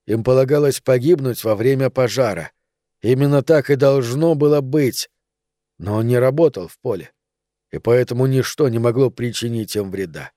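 Guy narrating a story, slow dramatic pauses, mellow low-toned voice, dry close sound. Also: no echo. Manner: measured, dramatic, with long pauses. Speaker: audiobook narrator. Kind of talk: scripted literary narration.

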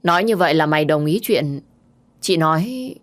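A curt, businesslike older-sister figure who talks in a casual, familiar way, as a woman storyteller puts her on. Her voice is low and matter-of-fact. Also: animated, normal speed.

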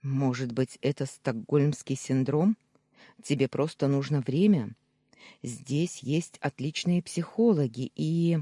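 An audiobook reader voicing a pleading, insistent young man who talks slowly and with feeling. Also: mid-range voice, dark tone, no echo, clean studio sound. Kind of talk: audiobook character reading.

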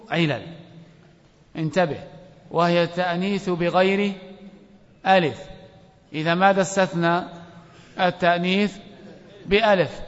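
A man teaching a grammar class who calls on students and questions them, stretching words out to drive points home. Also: high-pitched. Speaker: sheikh teaching a grammar course. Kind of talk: classroom lesson with oral quizzing. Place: lecture hall. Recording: dull lo-fi recording with long hall reverb.

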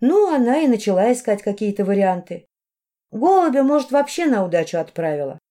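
A woman narrating a first-person audiobook in a reflective, steady way. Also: on the high side, a little fast.

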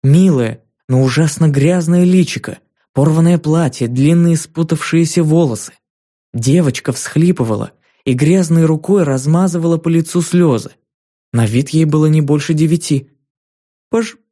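A man narrates a children's fantasy audiobook in a measured, storytelling read. His voice sits a little high for a man, yet the tone is mellow and dark. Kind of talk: scripted narration.

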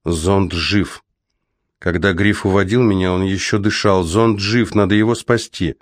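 A man's voice: sits low, fairly even intonation, a little slow, no room sound, clean studio sound. A man reading the part of a young woman companion, earnest and pleading, in an audiobook.

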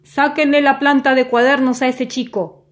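A man's voice: extremely high pitch, level tone, moderate pace, pitched above the performer's own voice. A woman voicing an angry, bossy male notebook seller in a children's story. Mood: furious. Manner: roaring, bossy.

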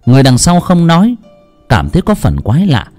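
Man narrating a horror story, very animated. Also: a little high, brisk. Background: faint background music.

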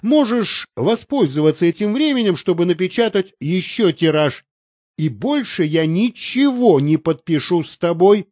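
Brief: man playing a tired male writer, calm and unyielding, fairly high, lively voice, dry close mic. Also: moderate pace, dry recording. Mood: weary. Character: weary adult male writer, calm and stubborn. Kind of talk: audiobook character reading.

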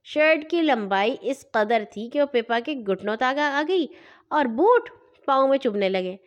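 A woman reading a children's story aloud in an expressive, lively way. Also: high-pitched, muffled recording.

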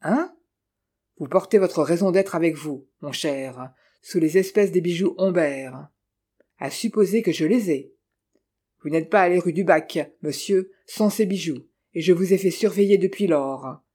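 Reader playing a grumpy old count in a storybook, curt, kinda dark warm voice. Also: medium pitch, unhurried, slightly rough. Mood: grave. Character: irritable older man, a count, brusque and scheming.

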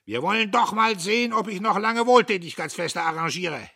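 A man's voice: high-pitched, expressive, normal speed, vocal fry, sharp tone, breathy edge, dry recording, clean studio sound, pitched above the performer's own voice, heavily acted. Man playing a bellowing old major. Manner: bellowing, brusque.

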